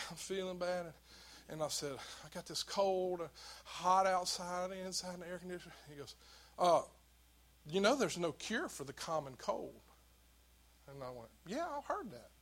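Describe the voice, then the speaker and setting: An older man with a notably high voice delivers a sermon. He tells homey stories in a loose, conversational way, then presses into emphatic exhortation. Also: a bit bright. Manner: folksy storytelling, talks to the congregation, rising to emphatic exhortation. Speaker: pastor.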